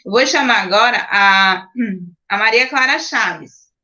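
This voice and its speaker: Brazilian lady teacher on a video call, kinda high bright voice, patient, keeps checking everyone's following, dull lo-fi audio. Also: measured pace. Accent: Brazilian Portuguese. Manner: patient, explains step by step, checks in often. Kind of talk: online class teaching.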